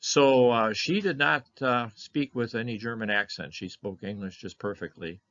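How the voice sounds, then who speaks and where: An older man presenting a slide lecture on his family history, halting often with fillers and restarts. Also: medium pitch, a bit bright. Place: meeting room of a historical society. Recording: dull lo-fi lecture recording.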